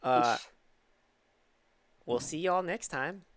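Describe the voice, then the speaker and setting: Rambling squeaky-voiced man hosting. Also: a crowd in the background. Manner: rambling, halting restarts and laughs. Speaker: podcast host. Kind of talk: casual chat.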